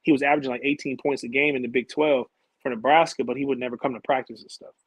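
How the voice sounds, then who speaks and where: A man's voice: mid-range voice, fairly even intonation, fast talker, slightly rough, no echo, poor audio. A man in an interview, telling his own basketball stories in casual slang and acting out his past conversations. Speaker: interview guest, former college and pro basketball player.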